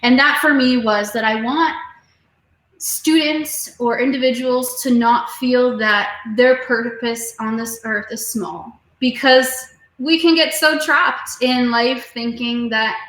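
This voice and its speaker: A young woman in her twenties speaks with a high voice. She talks about teaching in an earnest, motivational way, with plenty of fillers. Her voice carries a roomy echo. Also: steady tone, measured pace, fairly bright tone. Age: 20s. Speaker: music teacher and studio owner, interview guest. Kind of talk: casual video interview.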